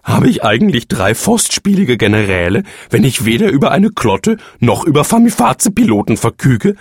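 A man's voice: medium pitch, big pitch swings, moderate pace, breathy edge, no room sound, studio quality, voice pushed up. A man voicing a weary, grumpy male phoenix ruler in a comic story, with a raised, exasperated delivery. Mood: brooding.

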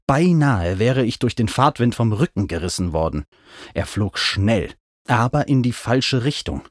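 A man's voice: medium pitch, lively intonation, unhurried, no echo, clean studio sound. A man narrating a first-person adventure story in a vivid, dramatic reading style. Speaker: audiobook narrator.

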